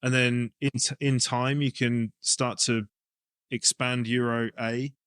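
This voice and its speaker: Taking it slowly, an English-accented rugby coach and club director speaks casually as an interview guest, explaining ideas as he thinks them through. His medium-pitched, level voice is smooth and fairly bright, recorded dry with clean studio sound.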